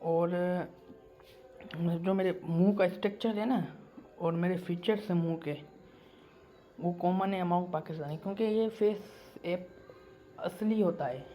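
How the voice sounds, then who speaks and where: A man's voice: high-pitched, measured pace, long pauses, warm tone, soft background music. A man from Pakistan, talking casually to camera as a YouTuber, emphatic and repeating himself. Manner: repetitive and emphatic, circles back to the same points. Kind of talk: casual vlog monologue.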